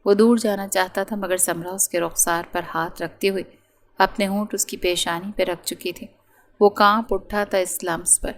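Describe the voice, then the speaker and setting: A woman narrating a romance novel audiobook with steady, dramatic storytelling. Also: medium pitch.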